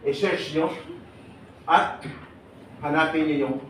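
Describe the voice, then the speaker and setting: A man giving a lively seminar talk to a live audience, joking and asking the listeners questions. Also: a little high, takes it slowly, slight background noise. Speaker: seminar speaker for overseas workers. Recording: echoey hall, voice from far off.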